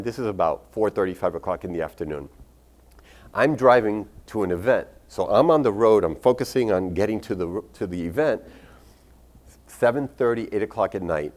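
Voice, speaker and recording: A man's voice: deep voice, darkish tone. A man who is a doctor recommending medical cannabis, telling patient stories in a candid way with casual swearing. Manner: candid storytelling with casual profanity. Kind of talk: expo talk with patient stories.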